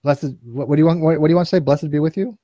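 A man co-hosting a casual livestream, reading out viewer donations in a teasing, halting way. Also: fairly high pitch, dry recording. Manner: teasing, halting, jumps between loud and quiet. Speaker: co-host reading super chats.

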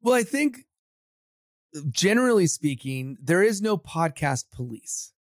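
A man's voice: high-pitched, sing-song, unhurried, dry recording, clean studio sound. A man from Samoa, a podcast guest and agency founder, speaking confidently and motivationally in a casual interview.

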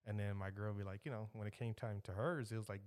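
A man, co-hosting a podcast in lively, teasing casual chat. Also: lowish voice, fast, dry recording, clean studio sound. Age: 30s. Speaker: podcast co-host.

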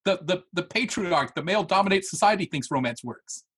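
A man co-hosting a casual podcast argues animatedly about movies. His voice sits high, fairly quick and husky.

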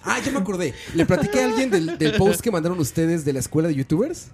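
Fast, lively Mexican man joking. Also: sits high, over loud music. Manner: joking, crude slang, quick bursts of laughter. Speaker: podcast co-host. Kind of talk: casual chat.

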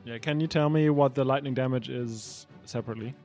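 Male game master for a tabletop session, steady rulings, soft music underneath. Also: medium pitch, a little fast.

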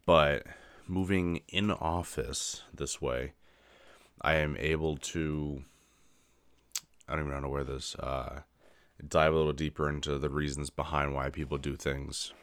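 A man's voice: very deep voice, fairly even intonation, unhurried, fairly bright tone, clear, resonant tone, no room sound. A man hosting his own podcast, chatting upbeat and rambling while tired and yawning. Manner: rambling, upbeat, with fillers and yawns. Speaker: podcast host. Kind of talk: casual solo podcast talk.

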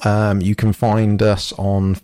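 A man's voice: fairly low pitch, monotone, takes it slowly, warm tone, smooth, dry recording. A man co-hosting a casual hobby podcast, thinking aloud with lots of restarts and fillers, close to the microphone. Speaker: podcast co-host.

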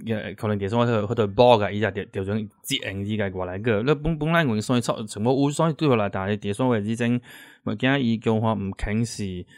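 Chaoshan guy w/ teochew accent, native teochew, lowish voice, close dry sound, casual podcast host. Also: quick pace, a little mellow, no room sound. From Chaoshan, southern China. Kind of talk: casual interview chat.

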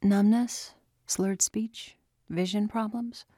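A woman voicing a female doctor who speaks in a measured, professional way to a patient. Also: medium pitch, fairly even intonation, no room sound. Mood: clinical. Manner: measured, softening.

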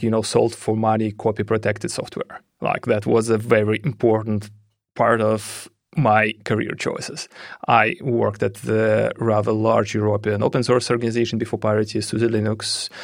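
Middle-aged guy from russia, gravelly voice, thinks out loud w lots of fillers, dry close sound. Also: lowish voice, dry recording. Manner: thoughtful, hesitant with many fillers. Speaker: guest, head of security. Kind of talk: podcast interview.

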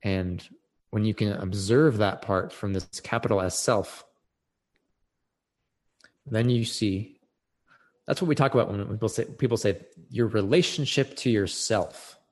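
Reflective male podcast guest, earnest and thoughtful, slightly low voice. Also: unhurried, pauses often. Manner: earnest, reflective, repeats words while thinking. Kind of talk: casual conversation.

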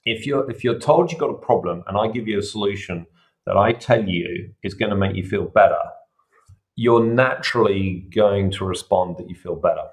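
A middle-aged man with a fairly low voice, speaking as a surgeon guest on a podcast. He walks the listener through ideas patiently, reaching for simple everyday examples. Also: moderate pace. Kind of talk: casual podcast interview.

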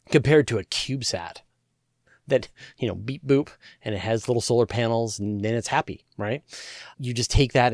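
A man's voice: medium pitch, dry recording, clean studio sound. A man hosting a listener Q&A show, explaining ideas in a chatty, informal way with playful asides. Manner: chatty, lots of "like" and "you know", playful asides. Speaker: host answering listener questions. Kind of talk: casual science Q&A talk.

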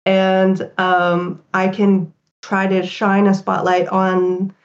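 Quick-talking woman on a lo-fi mic. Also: medium pitch. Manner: quick, animated, with fillers and laughs. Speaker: games writer and podcast guest. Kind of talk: casual interview chat.

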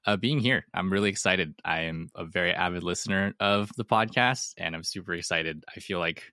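A man's voice: low voice, brisk, sharp tone, no echo, studio quality. A man who teaches, a guest on a podcast, telling his story in an eager, rambling casual interview chat.

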